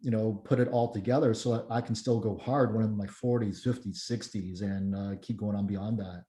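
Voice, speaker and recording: A man in his mid-thirties talks loosely through a podcast chat, circling back and restarting his sentences. His voice is mellow and a little dark, and it carries a roomy echo. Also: on the low side, steady tone, brisk. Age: 30s. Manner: rambling, many restarts and fillers. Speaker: strength coach and guest.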